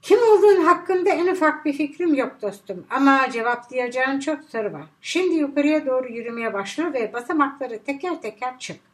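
A hard, commanding tough guy barks short orders in a storybook thriller, as a woman narrator reads him. The voice sits high and swings widely. The delivery is clipped and stern. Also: animated, a little fast, few pauses.

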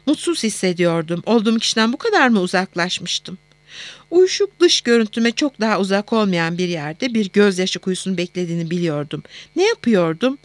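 A woman narrating a first-person novel as an audiobook, quiet and introspective. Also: medium pitch, no echo.

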